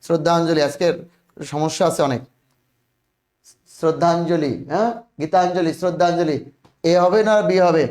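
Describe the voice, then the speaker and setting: Male teacher, high voice, drills spelling rules, repeats words, echoey room. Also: fairly even intonation, a little mellow. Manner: drills students, repeats words, urges quick answers. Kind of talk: online spelling lesson.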